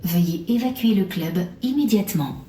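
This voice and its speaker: A woman making a formal evacuation announcement, heard through a building's public-address loudspeaker. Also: mid-range voice, normal speed. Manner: calm, formal, urgent instructions. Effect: heard over a building loudspeaker. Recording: echoey distant loudspeaker with music.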